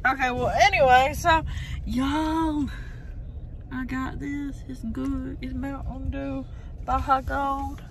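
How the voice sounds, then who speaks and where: High-voiced Southern woman vlogging in a car. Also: level tone, slow pace. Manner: chatty, keeps addressing viewers as y'all. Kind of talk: casual chat to viewers. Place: inside a car.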